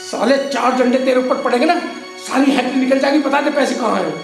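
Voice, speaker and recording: A man's voice: extremely high pitch, a little fast, vocal fry. A man playing a hot-tempered middle-aged householder. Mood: angry accusing. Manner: loud accusing scolding, later remorseful. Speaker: master of the house. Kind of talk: village film drama acting. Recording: echoey room from far off over music.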